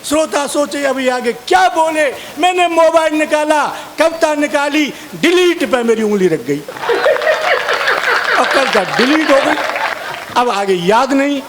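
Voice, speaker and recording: A man's voice: very high-pitched, lively intonation, unhurried, a crowd in the background, background noise. A man performing as a comic poet on stage, mixing sung verse with teasing chat to the audience. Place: outdoor poetry gathering stage.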